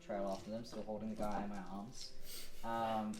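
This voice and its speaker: A man's voice: fairly low pitch, level tone, moderate pace, roomy sound, recorded from a distance. A man playing a tabletop game, talking in a laid-back, hesitant way. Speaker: player. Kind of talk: casual tabletop play.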